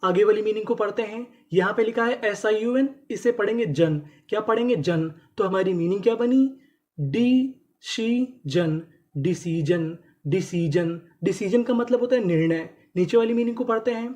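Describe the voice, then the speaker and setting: A teacher giving a reading lesson, spelling each word letter by letter, repeating it slowly, and asking and answering its own questions. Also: mid-range voice, darkish tone. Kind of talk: classroom-style lesson explanation.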